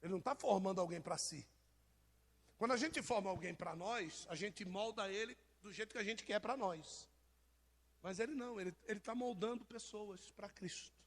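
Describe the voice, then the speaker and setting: A man's voice: high voice, fairly bright tone. A man with a Brazilian accent, preaching an informal sermon and joking with members of his congregation. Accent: Brazilian Portuguese. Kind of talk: informal sermon to a live church.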